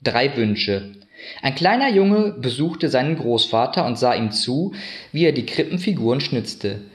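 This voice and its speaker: A man calmly reading a Christmas story aloud at a measured, even pace. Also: medium pitch.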